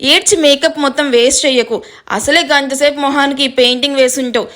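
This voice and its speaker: A woman's voice: high-pitched, brisk. Woman voicing a teasing young man. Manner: joking, mocking, calm. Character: teasing easygoing young man, brother-in-law. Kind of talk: audio story reading.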